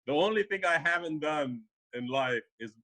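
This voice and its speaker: A man's voice: on the high side, expressive, normal speed, a bit bright, low-quality recording. A man from Afghanistan, an immigration lawyer guest, talking casually in an interview with many fillers and restarts.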